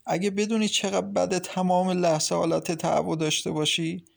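A man voicing a cheerful teenage schoolgirl who comforts her sister-in-law in a lively, reassuring way in an audiobook. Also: high-pitched, vocal fry, voice pushed up.

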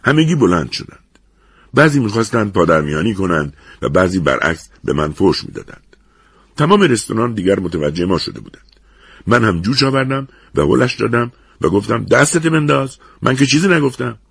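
A man narrating a first-person story in a lively, dramatic way. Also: low voice, creaky, slightly rough, dry recording, clean studio sound.

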